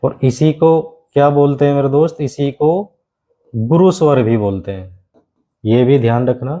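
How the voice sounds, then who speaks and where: In an exam-prep lesson, a male grammar teacher slowly repeats key phrases so students can write them down, repeatedly calling the class "my friend". His voice is medium-pitched and mellow, on a low-quality recording.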